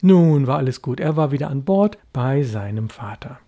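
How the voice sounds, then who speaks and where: Mellow-voiced man reading a story aloud. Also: mid-range voice, animated. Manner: measured storytelling. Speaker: reader. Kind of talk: literary reading.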